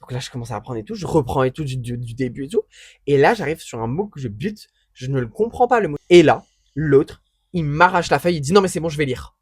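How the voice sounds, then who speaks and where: Young guy, podcast cohost, talks super fast, acts out his stories, dry close sound. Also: mid-range voice, breathy edge, dry recording. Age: young adult. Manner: animated storyteller, acts out voices in anecdotes. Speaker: podcast co-host. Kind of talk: casual chat.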